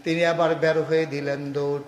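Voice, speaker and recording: A man from Bangladesh preaching an impassioned waz sermon, swinging from low storytelling into loud, chanting, tearful cries. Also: flat delivery, normal speed, soft background music. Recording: echoey hall, often from far off.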